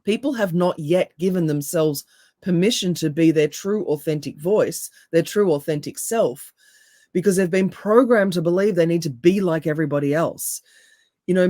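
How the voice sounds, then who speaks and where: A woman with a deep, raspy voice and an Australian accent talks as a coach in a podcast interview. She speaks with emphasis and fires off punchy rhetorical questions. Her tone is mellow and warm, and the recording is dry and close. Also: dry recording. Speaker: NLP coach and hypnotherapist, guest.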